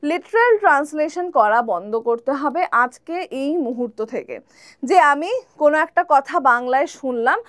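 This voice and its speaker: A young Bengali-accented woman with a high, bright voice gives a spoken English lesson. She switches between brisk explanation and slow, careful English examples, checking in with her listeners often. The sound is dry and close, with no room echo. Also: lively intonation. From West Bengal, India.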